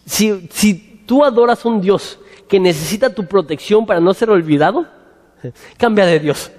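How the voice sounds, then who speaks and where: A lively man preaching in a reverberant church hall, his voice sitting fairly high for a man. He breaks into little acted-out dialogues to bring the scripture to life. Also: normal speed. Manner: animated, acts out scenes with quoted voices. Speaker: pastor. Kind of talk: sermon.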